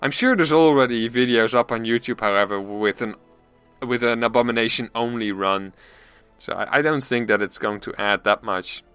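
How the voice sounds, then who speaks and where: A man's voice: mid-range voice, normal speed, a bit bright, clear, resonant tone, no echo, soft background music. A man hosting a gaming channel, thinking aloud in casual let's-play commentary, self-deprecating and often restarting his sentences.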